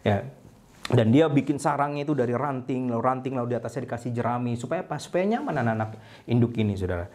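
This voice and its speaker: A man preaching an online sermon for an online service, telling a story with lively acted-out cries and dropping low and soft at the end of phrases. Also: fast. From Indonesia. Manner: animated storytelling, acts out a crying eaglet; ends phrases with a low, soft address to listeners. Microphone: online service broadcast.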